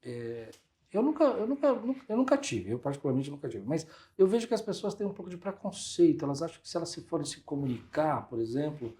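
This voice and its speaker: Fast-talking, mellow Brazilian host. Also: male voice, fairly high pitch, big pitch swings. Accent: Brazilian Portuguese. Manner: questioning, gently provocative interviewer. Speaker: podcast host, pastor. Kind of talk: conversational podcast interview.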